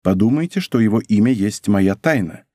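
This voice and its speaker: A man's voice: fairly low pitch, expressive, moderate pace, warm tone, no echo, studio quality, voice pushed down. A male reader voicing a cunning, vengeful noblewoman who probes and commands in a tense, scheming way.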